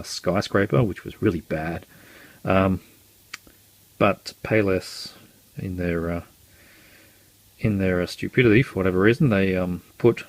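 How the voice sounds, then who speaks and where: A man's voice: deep voice, darkish tone, dry recording. A man showing off his collection in a casual, rambling way, full of ums and uhs and wry, self-mocking asides. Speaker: collector vlogger. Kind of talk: casual show-and-tell.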